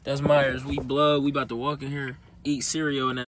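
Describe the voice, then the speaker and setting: A man's voice: mid-range voice, little pitch movement, fairly quick. A young man vlogging on a handheld phone in a big grocery store, talking loosely and swearing as he jokes. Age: young adult. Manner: loose, profane, joking. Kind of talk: casual vlog chat. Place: large grocery store, indoors. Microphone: phone camera held in hand. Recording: loud store noise behind.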